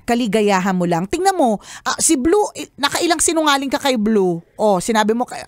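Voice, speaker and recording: A middle-aged Filipino woman hosting a call-in advice show, scolding a caller in an animated, dramatic way. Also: a little high, moderate pace, no echo. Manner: scolding, animated, laughs loudly, dramatic exasperation. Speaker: radio advice host. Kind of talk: call-in advice talk, mixing Tagalog and English.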